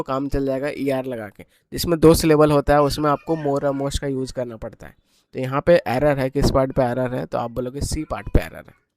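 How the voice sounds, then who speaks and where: A man's voice: fairly high pitch, darkish tone, dry recording. A man teaching an exam paper walkthrough lesson, explaining step by step and asking and answering his own questions.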